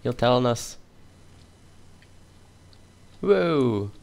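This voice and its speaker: A man's voice: medium pitch, lively intonation, very slow, vocal fry, darkish tone. Guy laughing his way thru a co-op zombie game, goofy and chatty. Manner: giggly, jokey, laughs often. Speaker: let's play host. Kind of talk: casual gaming chat.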